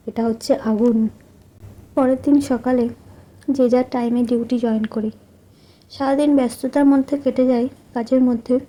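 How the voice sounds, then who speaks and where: In a soft, intimate, measured way, a woman tells a romantic story in the first person. Her voice is high yet deeply warm and mellow, never sharp, and she reads like a storyteller drawing the listener close.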